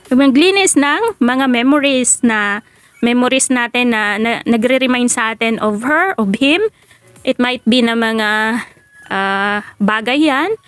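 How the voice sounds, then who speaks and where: A woman's voice: high voice, fairly bright tone, dry recording. A woman giving casual breakup advice to her viewers. She switches between Tagalog and English, asks rhetorical questions, and laughs between points. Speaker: relationship advice vlogger.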